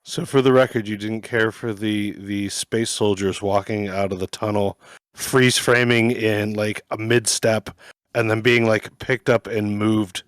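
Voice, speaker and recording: A man's voice: lowish voice, flat delivery, measured pace, dry recording. A man guesting on a podcast, dryly and sarcastically recounting film scenes in casual chat.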